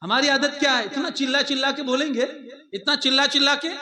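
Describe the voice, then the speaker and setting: A man from India giving a lively sermon to students, mixing laughing asides with raised, emphatic lines. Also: extremely high pitch. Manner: animated preaching with laughing asides, raising his voice for emphasis. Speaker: religious teacher.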